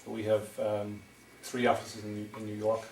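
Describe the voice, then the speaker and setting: This is a middle-aged man with an Irish accent from County Wexford, speaking as a wind energy developer at a town meeting. His presentation is hesitant, with frequent ums and restarts, delivered in a low, darkish, completely flat voice at a measured pace. Recorded from far off in an echoey hall, it carries a little hiss or hum.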